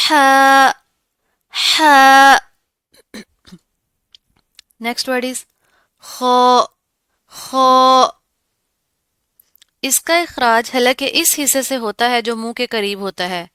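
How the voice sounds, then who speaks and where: A woman gives a pronunciation lesson. Her voice is bright and crisp, a little high, and recorded dry and close. She explains each sound and then says it slowly and drawn out. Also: no echo. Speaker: Quran recitation teacher.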